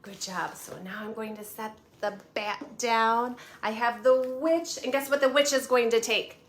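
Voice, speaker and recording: A woman's voice: fairly high pitch, fairly even intonation, a little slow, slight background noise. A woman children's librarian hosting a virtual storytime, talking in a sing-song, coaxing way and asking young children questions. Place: at home. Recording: roomy echo.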